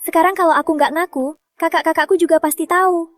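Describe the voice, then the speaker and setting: A woman's voice: extremely high pitch, fairly even intonation, fast, no echo. An actress dubbing a spoiled, scheming young woman who grumbles bitterly to herself. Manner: petulant, bitter inner grumbling. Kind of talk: dubbed short-drama acting.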